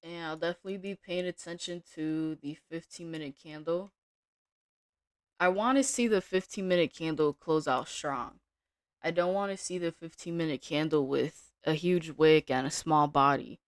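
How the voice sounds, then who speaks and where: Relaxed woman thinking aloud on stream. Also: deep voice, moderate pace, dry recording, clean studio sound. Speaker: day trader streaming live. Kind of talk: casual live-stream commentary.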